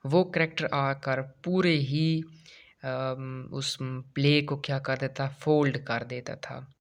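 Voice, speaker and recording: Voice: medium pitch, steady tone, takes it slowly, gravelly. A literature teacher giving a recorded lecture, explaining terms step by step and reading English definitions aloud.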